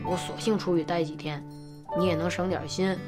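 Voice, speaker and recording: A young actor playing a calm, tactful teenage son reasoning with his father in a TV drama. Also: high-pitched, a little fast, over music, lightly acted. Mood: earnest. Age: teens. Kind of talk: TV drama acting.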